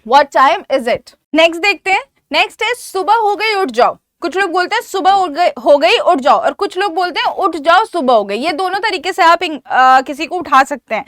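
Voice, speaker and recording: A woman teaches everyday English phrases in Hindi. Her voice sits very high, and she drills each phrase slowly and repeats it. The recording is dry and close, with no room sound. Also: lively intonation, a bit bright, no room sound. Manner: slow, drilled repetition of phrases. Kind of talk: Hindi-language English lesson.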